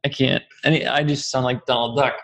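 A man co-hosting a podcast, chatting casually with lots of fillers and jokey jumps in pitch. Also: level tone, fairly quick, gravelly, fairly bright tone. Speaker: podcast co-host. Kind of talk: casual chat leading into a product discussion.

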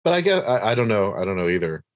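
A man's voice: on the low side, big pitch swings, fast talker, no room sound. A man hosting a casual interview, talking in a rambling way with many fillers and restarts. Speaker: podcast host interviewing a guest.

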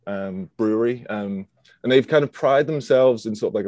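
A man's voice: on the low side, warm tone, no echo. A man hosting a podcast interview who asks long, hesitant questions full of restarts. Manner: hesitant, many fillers and restarts. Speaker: podcast host.

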